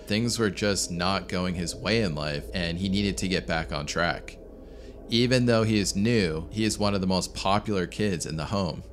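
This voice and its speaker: A man reading a scripted true-story narration in a measured, serious way. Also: low voice, fairly bright tone, slight background noise. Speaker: channel narrator. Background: faint background music.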